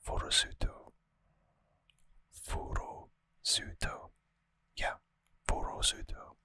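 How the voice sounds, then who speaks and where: An ASMR host whispers throughout in a crisp, bright tone, recapping trivia informally in a slow, gentle, slightly hesitant way. The sound is dry and recorded close to the microphone.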